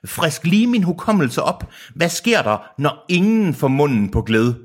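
A man's voice: on the high side, big pitch swings, voice pushed up. A man voicing a swaggering, gloating male pirate chief in a theatrical, mocking way. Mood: menacing.

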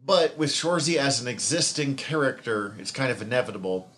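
A man's voice: medium pitch, expressive, brisk, a bit bright. A man co-hosting a podcast in casual chat, rambling and swearing freely. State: hiccups from eating. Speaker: podcast co-host.

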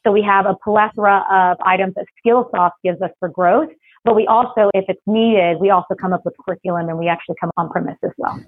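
Fast-talking woman on a tinny line. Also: mid-range voice, fairly even intonation, husky, dry recording. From Philippines, raised in Texas. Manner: quick, talkative, laughs often. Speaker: guest, business services rep. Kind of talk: casual interview.

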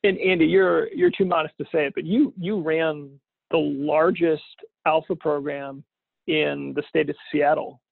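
A man with a very gravelly, husky voice hosts a podcast in a casual way. He sounds distant from the mic, on a thin, phone-like recording made at home. His pitch is a little high for a man. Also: fairly even intonation, unhurried, no room sound. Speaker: podcast host. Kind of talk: casual scripted podcast introduction. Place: at home, remote from the studio.

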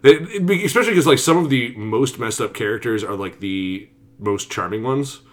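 A man talks with eager enthusiasm, stacking filler words as his thoughts run ahead of him. His voice sits at an ordinary middle pitch. This is loose, casual conversation. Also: animated, normal speed. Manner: enthusiastic, rambling with many fillers. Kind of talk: casual chat.

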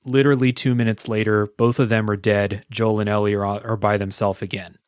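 Low-voiced man, dry close sound. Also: level tone, brisk, smooth, no room sound. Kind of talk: casual chat about a video game.

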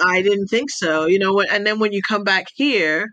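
A middle-aged woman who advises on intelligence and gives talks tells her story as a podcast guest, chatty and casual and often wandering into asides. Raised between the Middle East, Europe and the United States, she has a blended British and American accent. Her mid-range voice is a bit bright at a normal speed, with no room sound and the highs cut off.

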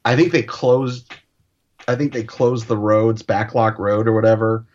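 A man's voice: on the low side, steady tone, measured pace, a little mellow, slight background noise. A man chatting casually about a family trip, rambling with restarts and laughing. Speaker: parent recounting a trip. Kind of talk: casual chat. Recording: dull lo-fi sound.

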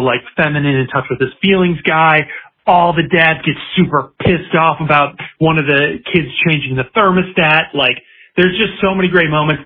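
Guy calling in on the phone, highish voice, tinny line, hyping up a movie. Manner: hyped, rapid-fire pitch. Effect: voice message over a phone line. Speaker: caller to a podcast.

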